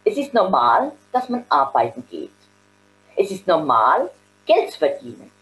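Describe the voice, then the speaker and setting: A woman's voice: low-pitched, big pitch swings, unhurried, a bit bright, full character voice, poor audio. A woman reading aloud voices an indignant working man in a story, her tone insistent and a bit raised.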